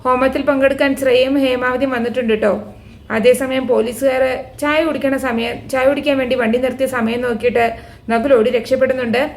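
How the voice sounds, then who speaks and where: A woman's voice: high voice, fairly even intonation, quick pace, creaky, a little hiss or hum. A woman hosting a casual episode recap, chatty and friendly. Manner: chatty, ends lines with a friendly tag. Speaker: serial recap host.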